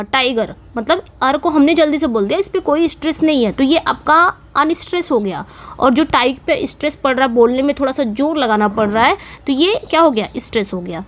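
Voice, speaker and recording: High-voiced woman teaching English prosody. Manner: repetitive teacherly explaining with frequent "theek hai" and "okay" checks. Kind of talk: exam-prep lecture explaining poetic meter.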